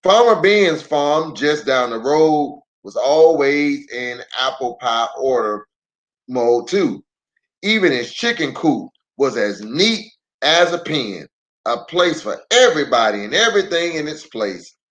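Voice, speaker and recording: Here a middle-aged pastor with a higher-leaning voice reads a kids' storybook at a measured pace. Playful and expressive, he keeps addressing the children directly with chatty little asides.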